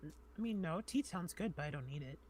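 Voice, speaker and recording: A woman's voice: low voice, lively intonation, fast, darkish tone, slight background noise. A woman playing a cheerful, chatty demon student who rambles casually with plenty of fillers.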